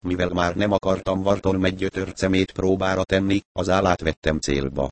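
A man's voice: sits low, steady tone, no echo. A man narrating a first-person adventure novel in a wry storytelling manner. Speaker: audiobook narrator.

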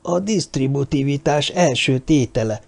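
A man reading an audiobook, voicing a dying bearded mathematician who speaks in a low, raspy, scornful, lecturing way. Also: expressive, a little mellow. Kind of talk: audiobook character voice.

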